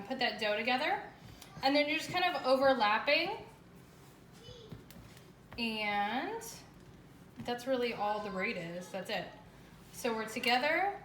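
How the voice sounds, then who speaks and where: A woman's voice: fairly high pitch, a bit bright. A woman hosting a home baking tutorial, talking the viewer through each step in a chatty, informal way. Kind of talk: casual step-by-step cooking demonstration. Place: indoor home kitchen with echo. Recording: echoey room, faint background noise.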